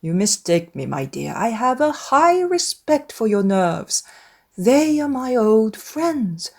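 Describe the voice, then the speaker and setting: A woman voicing a wry, sarcastic middle-aged husband in a dramatised novel, unhurried and teasing. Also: a little high, sing-song, gravelly, a little mellow, exaggerated voice. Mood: sardonic. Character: dry, sarcastic middle-aged gentleman, long-suffering husband.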